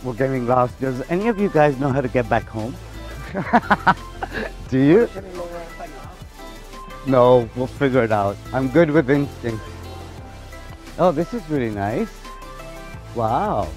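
A native Spanish-speaking man with a medium-pitched, darkish voice chats playfully while walking city streets for a casual interview. He is talkative and laughs often, recorded outdoors on a camera mic.

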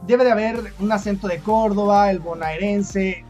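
A woman's voice: mid-range voice, normal speed, darkish tone, faint music behind. A Mexican woman with a Mexican accent, hosting her video in a chatty, explanatory way and thinking aloud. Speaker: video host. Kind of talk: casual explanatory commentary.

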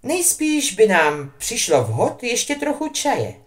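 A woman voicing a calm, kindly old male headmaster wizard who speaks gently. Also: a little high, voice pushed up.

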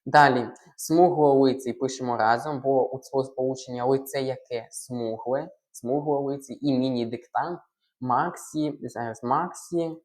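Male tutor, mid-range pitch, methodical explainer who spells out letters and pauses with small hesitations. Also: fairly even intonation, darkish tone. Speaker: language tutor. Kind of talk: explaining test answers.

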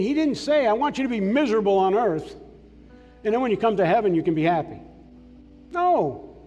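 Preaching from a church stage, an older Massachusetts man offers personal testimony in an earnest, plainspoken way, his voice slightly higher than most men's yet mellow and soft. Sanctuary reverb trails his words over faint music, and the high frequencies are cut off.

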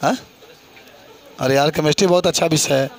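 A man's voice: a little high, brisk. A middle-aged man with an eastern Uttar Pradesh Hindi accent teaching chemistry to a classroom, quizzing students and repeating their answers with encouragement.

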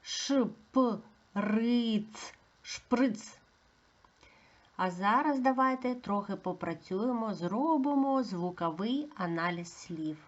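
Woman teacher for a preschool phonics lesson: very slow, patient delivery, sings out vowels, slightly dull recording. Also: medium pitch, expressive. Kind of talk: slow, deliberate phonics lesson for small children.

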